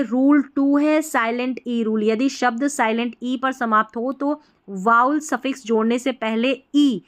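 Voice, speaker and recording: A woman's voice: fairly high pitch, fairly bright tone. A woman teaching English spelling rules, patiently repeating each point several times. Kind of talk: screen-based spelling lesson.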